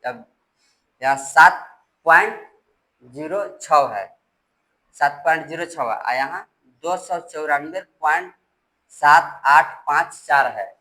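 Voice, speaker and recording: A man's voice: on the high side, takes it slowly, long pauses, sharp tone, poor audio. A man teaching decimal addition step by step, patient and repetitive, reading digits aloud one by one. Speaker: math teacher. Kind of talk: step-by-step classroom explanation.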